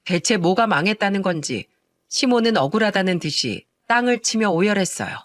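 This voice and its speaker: A woman telling a first-person story about her family in calm, confiding narration. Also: medium pitch, fairly quick, no room sound, studio quality.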